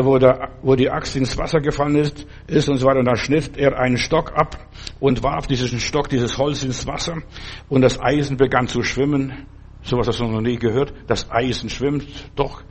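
A man's voice: medium pitch, husky. A man preaching a sermon and reading a Bible story, talking in an earnest, fatherly way straight to the listener.

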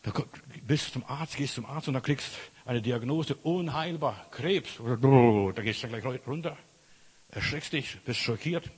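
A man preaching a lively sermon, swinging from loud cries to quiet asides. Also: mid-range voice, moderate pace, husky. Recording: echoey hall reverb.

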